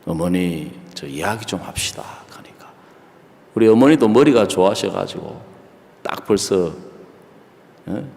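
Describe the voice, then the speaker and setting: Male pastor, gravelly voice, lively storyteller, echoey church hall. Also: low voice. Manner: storytelling, dramatic dips into hushed tones. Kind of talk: sermon. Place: church sanctuary.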